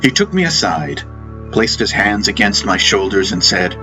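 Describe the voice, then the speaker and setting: Over background music, a man narrates a scripted first-person fantasy audiobook. His voice is lowish and swings widely in pitch, moving at a moderate pace, and the audio quality is poor.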